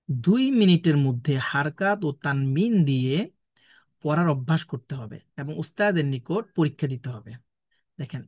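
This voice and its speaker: A man teaching an online Quran recitation lesson, explaining patiently step by step and sounding out letters slowly one at a time. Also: fairly high pitch, darkish tone, no room sound.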